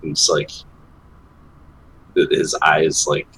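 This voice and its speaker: A man playing a tabletop game who talks haltingly, with many fillers. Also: very deep voice, completely flat delivery, a crowd in the background, poor audio. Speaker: player. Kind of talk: casual tabletop game talk.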